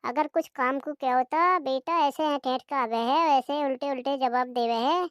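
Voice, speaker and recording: A woman's voice: high voice, normal speed, heavy background noise, lightly acted. A woman voicing a whiny elderly mother-in-law. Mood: complaining. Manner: whiny lamenting, sighing complaints. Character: grumbling elderly mother-in-law, complaining and self-pitying. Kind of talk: cartoon voice acting.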